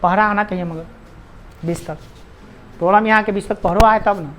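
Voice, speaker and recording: A man's voice: sits high, fairly even intonation, normal speed, a bit bright, a little hiss or hum. A man teaching a maths class with a Bihari Hindi accent, talking with his students in a chatty, teasing way and cracking jokes between steps. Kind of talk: classroom lesson.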